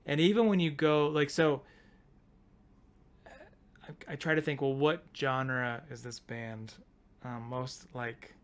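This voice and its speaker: A man's voice: medium pitch, fairly even intonation, takes it slowly, pauses often, clean tone. A man co-hosting a podcast in casual chat, rambling and laughing as he talks things through. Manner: rambling, self-interrupting, laughs often. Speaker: podcast co-host.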